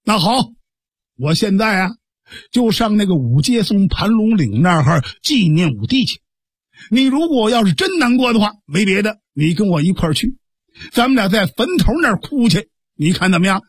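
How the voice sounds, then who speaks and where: 一位带北京口音的男说书人，用沙哑的嗓音扮演一个鲁莽、爱挖苦人的中年江湖好汉，语气粗直。. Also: male voice, sits high, very animated, normal speed, no echo, studio quality, full character voice. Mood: blunt. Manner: gruff, teasing and accusing. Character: blunt hot-headed male martial hero, middle-aged. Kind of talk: traditional storytelling.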